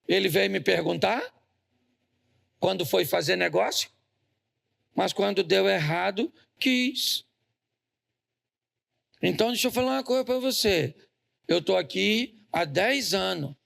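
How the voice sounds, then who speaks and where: A man's voice: high-pitched, unhurried, creaky, long pauses, a bit bright. A man preaching a humorous sermon as a pastor in a church, with a Brazilian Portuguese accent, joking and telling stories to the congregation. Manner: joking, storytelling, calls on the congregation. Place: church hall.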